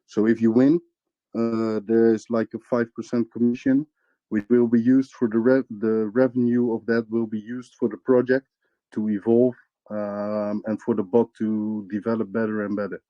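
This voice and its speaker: A man's voice: lowish voice, little pitch movement, normal speed, no echo, highs cut off. A man representing a crypto project, answering interview questions hesitantly with many fillers and restarts.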